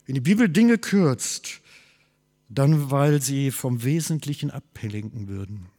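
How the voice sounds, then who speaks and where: A man preaching a sermon, swinging between loud emphasis and quiet low asides. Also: expressive, a little slow, in a large hall. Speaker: pastor.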